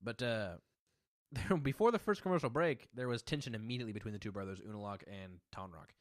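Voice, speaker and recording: A man's voice: fairly low pitch, brisk, no echo, studio quality. A man co-hosting a podcast, chatting casually about an episode with joking, teasing banter. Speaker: podcast co-host.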